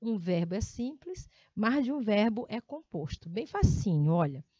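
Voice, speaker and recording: Speaking at a moderate pace in a mid-range, sing-song voice that is mellow and slightly rough, a Brazilian-accented woman walks through a grammar lesson step by step, frequently adding tag questions. There's no echo, though the audio is dull and lo-fi.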